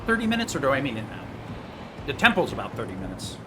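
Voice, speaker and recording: A man's voice: mid-range voice, wildly swooping pitch, fast talker. A man giving casual, rambling, matter-of-fact commentary on his own speedrun, picking at his own mistakes. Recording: clearly noisy home gaming recording.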